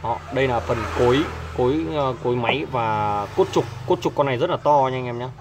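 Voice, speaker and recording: Against a noisy background, a man who owns a fishing tackle shop chats casually while showing off his products. His mid-range voice moves fairly quickly, and he often hesitates and repeats himself.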